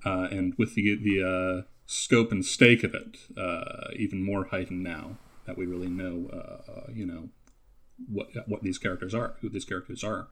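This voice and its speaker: A Canadian-accented man talking as a podcast guest, his voice sitting somewhat low. He speaks haltingly, piling up stammered restarts and letting sentences fade off quietly at the end. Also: fairly even intonation. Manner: halting, many stammered restarts, trails off softly. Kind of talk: casual chat.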